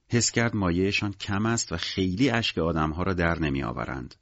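A man reads a novel aloud in a measured, expressive storytelling manner. His voice is very deep, but his pitch rises and falls in a lively way. The recording sounds dull and slightly lo-fi. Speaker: narrator. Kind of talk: scripted audiobook narration.

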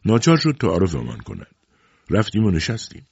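Husky, low-voiced male storyteller. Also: no room sound. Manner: storytelling, expressive. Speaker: audiobook narrator. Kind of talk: scripted narration. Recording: dull lo-fi recording.

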